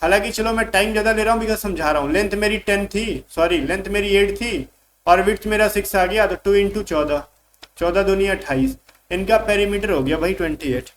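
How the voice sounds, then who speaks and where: Male math tutor, high voice, chatty exam-prep lesson, slow English read-outs, faint background hiss. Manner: calls students "bhai", reads English questions slowly. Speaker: math teacher.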